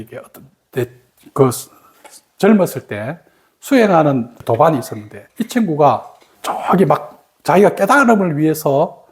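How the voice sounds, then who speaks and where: Middle-aged meditation teacher, dharma talk, swooping lively intonation, mid pitch, animated storytelling, rhetorical questions.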